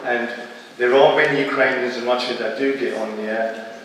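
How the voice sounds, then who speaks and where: A man's voice: medium pitch, steady tone, normal speed, a bit bright, a little hiss or hum. A man in his fifties from Britain speaking on a public panel, emphatic, with apologetic asides and a repeated "yeah". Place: large exhibition hall, indoors. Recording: distant mic in an echoey hall.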